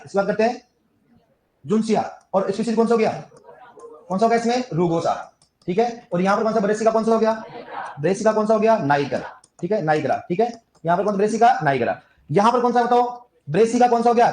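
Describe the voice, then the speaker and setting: A man's voice: sits high, darkish tone, roomy sound. A man teaching an agriculture class, firing repeated questions at students and coaxing answers. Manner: scolds the class jokingly. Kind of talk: classroom lecture with call-and-response questions.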